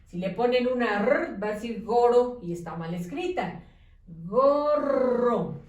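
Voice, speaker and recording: A woman teacher giving a patient lesson to young children, dictating words slowly syllable by syllable and checking in with questions. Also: medium pitch, sing-song, a little mellow, dull audio. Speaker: primary school teacher. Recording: echoey room, distant mic.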